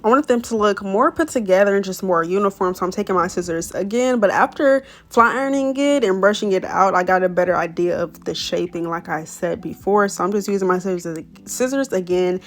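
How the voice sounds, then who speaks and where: A woman's voice: mid-range voice, fairly quick, hardly any pauses, faint music behind. A young woman talks through a hair tutorial in a loose, chatty voice-over. She uses plenty of slang and stumbles over a word now and then, then picks right back up. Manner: chatty, slangy, apologizes for stuttering. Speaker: beauty vlogger.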